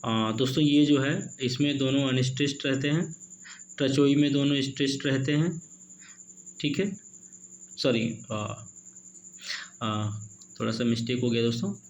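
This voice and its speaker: A man teaching an exam-prep literature lesson, mixing Hindi and English, reading questions out slowly and adding "okay" and "friends" often. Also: medium pitch, slight background noise. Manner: reads questions slowly, peppers with "ठीक है" and "दोस्तों".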